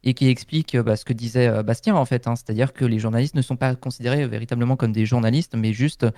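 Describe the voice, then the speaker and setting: A man's voice: mid-range voice, fairly even intonation, fast, dark tone, no room sound, studio quality. A man in a casual news discussion, speaking hesitantly and picking his phrasing with care as a panelist.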